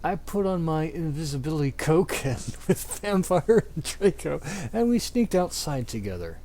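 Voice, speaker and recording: A man with a slightly high, warm, sing-song voice reads fan fiction at normal speed, with a little background noise behind him. His amateur delivery is mock-dramatic and theatrical, and he keeps breaking into giggles.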